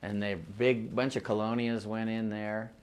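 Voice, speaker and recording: A man's voice: on the low side, little pitch movement, normal speed, darkish tone, clear, resonant tone. A man in his sixties who grew up between the US and Mexico, telling stories from the past in a rambling, casual way with frequent laughs and restarts. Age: 60s. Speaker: musician interviewee. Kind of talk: casual oral-history storytelling.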